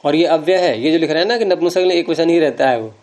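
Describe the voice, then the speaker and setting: A man's voice: on the high side, fast talker, darkish tone. A man with a Hindi accent teaching Sanskrit grammar to a class, patiently explaining and repeating word forms aloud.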